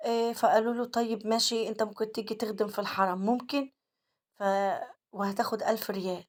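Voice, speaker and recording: A woman's voice: fairly high pitch, steady tone. A woman with an Egyptian accent vlogging at home, telling a story to her viewers as she cleans and talking to them directly. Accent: Egyptian Arabic. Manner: talks fast, keeps addressing viewers directly. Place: at home, in the kitchen.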